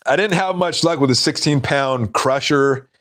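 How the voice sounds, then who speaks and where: A man's voice: mid-range voice, moderate pace, a bit bright. A man hosting a casual live stream, rambling and laughing at his own stories.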